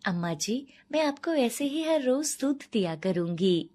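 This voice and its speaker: A woman voicing a calm, motherly magical cow in a cartoon story, speaking low and softly. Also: a little slow, full character voice. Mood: soothing.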